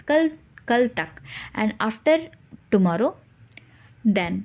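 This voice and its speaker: Bossy young rich guy in a story, woman doing him in her own voice, firm, kinda high. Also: darkish tone, muffled recording. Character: bold proud young male business heir.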